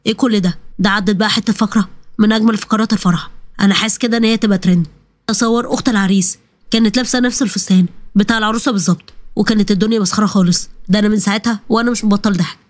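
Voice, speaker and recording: Woman voicing gossipy Egyptian guy friend, amused, fast chatter. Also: medium pitch, fairly even intonation, pitched below the performer's own voice, lightly acted. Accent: Egyptian Arabic. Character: laughing young male friend, gossipy.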